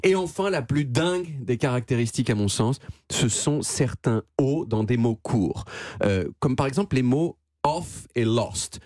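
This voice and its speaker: A man's voice: medium pitch, lively intonation, measured pace, a little mellow, no room sound. A man presenting a playful, explanatory radio chronicle in a chatty manner, often restarting his words, speaking into a studio microphone. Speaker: radio columnist.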